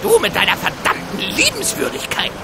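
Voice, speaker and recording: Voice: sits high, huge pitch swings, a little fast, exaggerated voice. An actor playing a small, cranky, mischievous male leprechaun in a video game, scolding theatrically. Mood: scornful. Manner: scolding, theatrical, full of quaint insults. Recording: clear background ambience noise.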